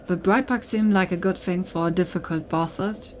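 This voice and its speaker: A woman's voice: on the low side, moderate pace, slight background noise. A woman game streamer giving casual gameplay commentary, thinking aloud as she goes. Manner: thinks aloud, reads on-screen text.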